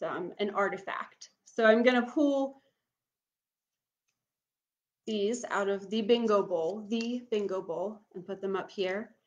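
A young woman works as a bingo caller for an online game, speaking in a medium-pitched voice. She gives casual, step-by-step instructions and announces each item, then repeats it. She is recorded indoors at home on a computer microphone. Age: young adult. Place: small room at home, indoors.

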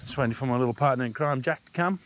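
A man's voice: medium pitch, very fast. A man with an Australian accent chatting casually as he films an outdoor vlog. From rural Australia. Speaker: vlogger, father out with his young child. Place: outdoors on a bush trail. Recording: faint outdoor noise, insects.

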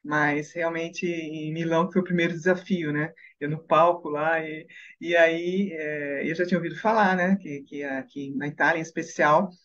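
Brazilian singer in her middle years, guest on a radio show, chatty and excitable, recording slightly muffled. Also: low-pitched, moderate pace. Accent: Brazilian Portuguese. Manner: lively storyteller, tag questions, bursts of excitement. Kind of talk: radio interview storytelling.

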